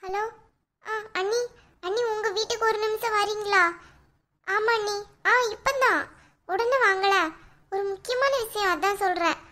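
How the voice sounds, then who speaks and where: A caring young cartoon neighbor with a Kanyakumari Tamil accent and a very high, bright-sounding voice. She talks in a soothing, concerned way. A woman acts her out. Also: measured pace, long pauses, exaggerated voice.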